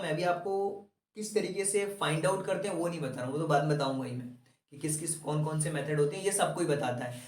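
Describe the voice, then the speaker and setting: A man's voice: a little high, roomy sound, recorded from a distance. A man teaching a maths lesson, asking the class questions and answering them himself.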